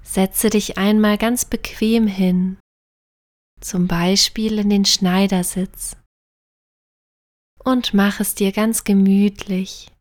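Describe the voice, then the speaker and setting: A woman narrating a bedtime sleep story and guided relaxation in a gentle, soothing, partly near-whispered voice. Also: mid-range voice, little pitch movement, slow, pauses often, no room sound, studio quality.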